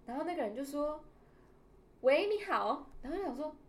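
A woman's voice: high-pitched, very fast. A woman co-hosting a podcast, chatting casually and telling a funny story, laughing often and acting out the dialogue. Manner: animated, laughs often, acts out quoted dialogue. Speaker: podcast co-host.

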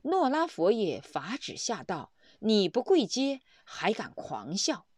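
A woman's voice: mid-range voice, huge pitch swings, takes it slowly, no room sound, heavily acted. A woman voicing an affronted messenger, a man rebuking someone in a retold story.

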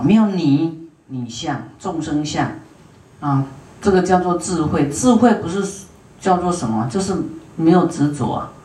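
Buddhist nun lecturing in a roomy hall. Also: female voice, sits low, darkish tone. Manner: unhurried, with many drawn-out "ah" fillers; asks the audience questions and to raise hands. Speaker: Buddhist dharma teacher. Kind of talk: dharma lecture to an audience. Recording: roomy hall sound, voice from a distance.

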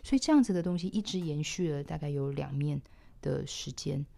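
A woman explaining a piano score step by step in a thoughtful way, sometimes trailing off softly. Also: low voice, fairly quick, creaky. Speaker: piano teacher. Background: piano playing.

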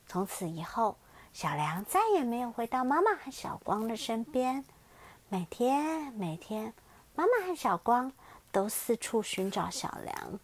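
A woman gently reading a bedtime story aloud as the storyteller, expressive and close to the mic. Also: fairly high pitch, unhurried.

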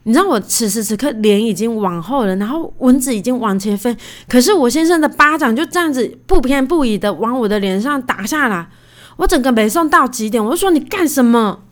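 A woman in her thirties hosting a casual solo podcast, telling stories in a chatty, animated way with lots of fillers. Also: fairly high pitch, a little fast. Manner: chatty, animated, indignant retelling; many fillers like "you know". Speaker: podcast host.

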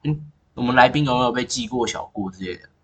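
A man's voice: mid-range voice, quick pace, a bit bright, breathy edge. A young man hosting a casual chat, blunt and swearing freely. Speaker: host.

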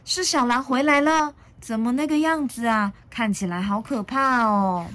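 A woman voicing a gentle, loving mother dinosaur with a tender manner. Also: a little high, normal speed, pitched above the performer's own voice, close to an everyday voice. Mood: worried.

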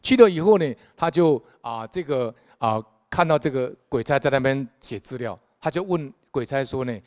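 A man, a police officer telling a Buddhist story in a lively way, full of fillers and acted-out quotes. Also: mid-range voice, normal speed. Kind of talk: storytelling talk. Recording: long hall reverb.

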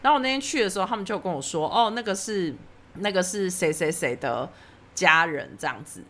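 Lively fast-talking woman telling a story. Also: on the low side. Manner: animated storytelling, acting out her own past lines. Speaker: podcast host telling a story. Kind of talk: casual chat.

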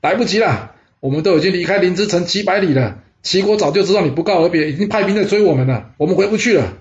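A quick-witted male court minister, urgent and coaxing, with a male storyteller doing the voice, raised in pitch. The sound is a little dull and lo-fi. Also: lively intonation.

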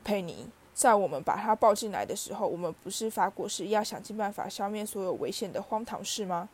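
A woman voicing a gruff, blustering middle-aged uncle who barks orders in a storybook reading. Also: medium pitch, animated, a little fast. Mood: grim. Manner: shouting, snapping orders.

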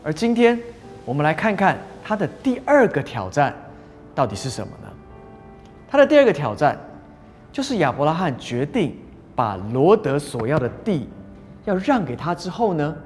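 A man preaching a sermon, retelling a Bible story in an animated way and asking his listeners questions. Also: a little high. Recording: long hall reverb with soft music.

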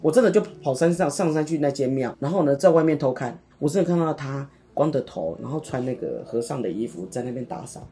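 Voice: medium pitch, expressive, quick pace, few pauses, dark tone, soft background music. A podcast co-host, casually chatting and retelling a story theatrically, acting out the dialogue. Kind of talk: casual chat, dramatic storytelling.

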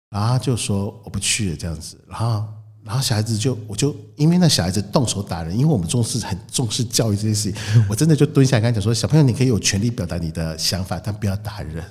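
Guy telling a story fast, voice jumps all over, acts out the people in it. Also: fairly low pitch, lively intonation, a little mellow, husky, in a large hall. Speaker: whale-watching boat operator, podcast guest. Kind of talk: casual storytelling chat.

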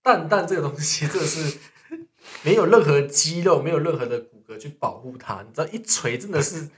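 A man's voice: fairly high pitch, expressive, a little fast, slight background noise. Chatty man reacting. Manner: reactive, short questions and quips. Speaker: podcast co-host. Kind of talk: casual chat.

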